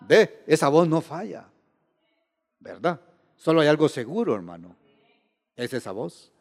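A man preaching a sermon in an animated way, often repeating words and asking the listeners rhetorical questions. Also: on the high side, measured pace, big-room sound.

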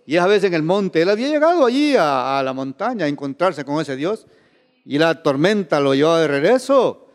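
A man preaching a sermon in an animated way, often repeating words and asking the listeners rhetorical questions. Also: a little high, brisk, in a large hall.

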